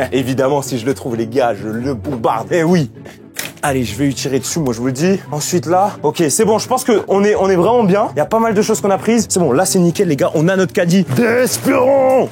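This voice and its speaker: A young man giving excited, slangy commentary to his viewers while searching for someone. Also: a little high, a little fast, faint music behind. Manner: hyped, slangy, keeps addressing "les gars". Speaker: seeker in a hide-and-seek video.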